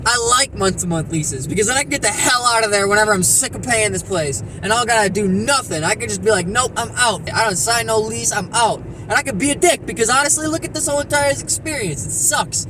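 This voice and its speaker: A man's voice: sits high, expressive, fast, few pauses, noisy background. A young man talking bluntly and with a lot of energy in a casual vlog, swearing freely. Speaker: vlogger.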